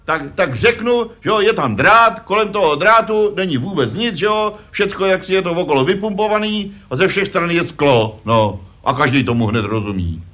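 A man's voice: high-pitched, animated, hardly any pauses, a bit bright. A man voicing a pompous, know-it-all puppet father in a vintage puppet comedy sketch, lecturing his son. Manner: self-important, lecturing, fond of "že jo". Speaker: puppet performer.

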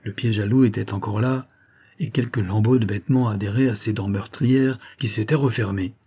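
A man reading a novel aloud as audiobook narration in a steady, measured way. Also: on the low side, breathy edge. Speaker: audiobook reader.

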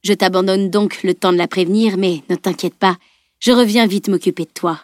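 A woman's voice: mid-range voice, fairly even intonation, moderate pace, a little mellow, no echo, clean studio sound, close to an everyday voice. A woman voicing a cruel male mercenary who speaks in a cold, mocking way. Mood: gloating. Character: cruel gloating male mercenary, calm and menacing.

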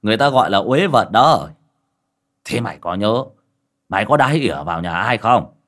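A man playing a gruff older village man in a horror audiobook, talking in a loud, blunt and bossy way. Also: lowish voice, very animated, normal speed. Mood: questioning.

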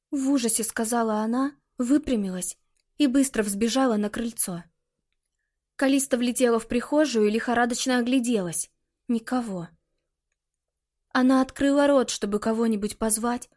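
A woman's voice: on the high side, darkish tone. Woman narrating an audiobook.

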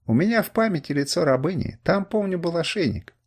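A man's voice: on the high side, animated, a little fast, pitched above the performer's own voice. A man voicing a sly, teasing male nomad warrior who feigns vagueness in an audiobook.

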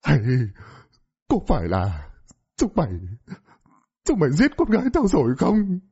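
A man voicing a desperate, drunken old father who wails and shouts for his daughter. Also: medium pitch, very animated, moderate pace, slightly rough, lo-fi sound, voice pushed up. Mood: furious. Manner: wailing, shouting.

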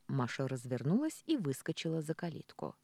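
A woman narrating an audiobook in an expressive, ironic way. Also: low voice, fairly quick, no echo.

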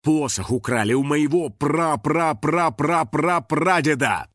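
A man's voice: on the high side, slow pace, fairly bright tone, no echo, studio quality. A man voicing a gloomy grown male monster hunter who growls and gloats, proud of his line. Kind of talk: audiobook character voice.

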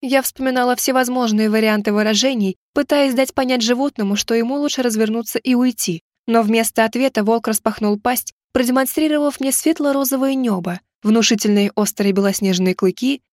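A woman reads a first-person audiobook with expressive storytelling. Her voice sits a little high and is recorded close and dry. The narration has a lively, engaged tone. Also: fairly quick, no echo.

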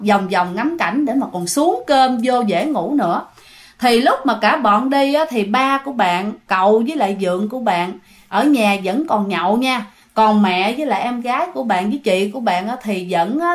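Chatty woman telling ghost stories. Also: on the high side. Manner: chatty, addresses listeners directly. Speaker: storyteller. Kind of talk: ghost story narration.

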